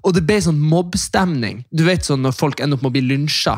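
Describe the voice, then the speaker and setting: A young man telling a long story in casual chat, animated and swearing, acting out other people's shouts. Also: a little high, no echo, studio quality. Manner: animated, acts out quoted voices loudly; swears a lot, fast rambling.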